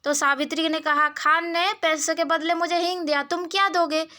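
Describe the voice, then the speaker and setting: A woman's voice: very high-pitched, flat delivery, normal speed, pushed and bright. A woman teacher retelling a story to schoolchildren in Hindi-accented speech, often restarting and turning to the children with asides.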